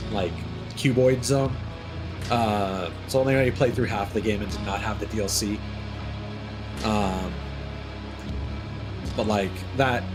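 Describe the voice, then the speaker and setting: The recording is rough, capturing a medium-pitched man who streams a video game while rambling offhandedly, heavy on fillers and casual profanity. Game soundtrack guitar music is audible behind him.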